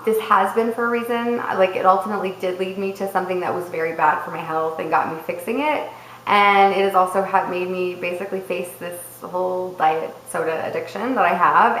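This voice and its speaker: A woman's voice: on the low side, fairly bright tone, roomy sound, a little hiss or hum, poor audio. A woman vlogger talking casually and rambling, interrupting herself and circling back to her points. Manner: chatty, rambling, self-interrupting. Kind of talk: casual personal vlog.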